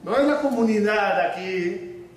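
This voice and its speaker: Male rabbi, lively sermon story, high voice, echoey room, far from mic. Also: measured pace, slight background noise. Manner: animated, acts out the dialogue of his story.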